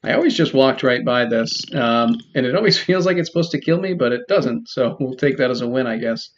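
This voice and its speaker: A man's voice: medium pitch, brisk, slight background noise. Chatty man with a slightly dull recording. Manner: relaxed, chatty, many ums. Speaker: let's play host. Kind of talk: casual gameplay commentary.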